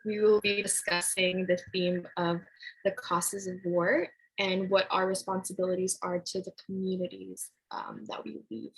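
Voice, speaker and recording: A woman's voice: lowish voice, flat delivery, normal speed, slightly rough, low-quality recording. A woman moderating an online panel webinar over a video call, friendly and laughing between phrases.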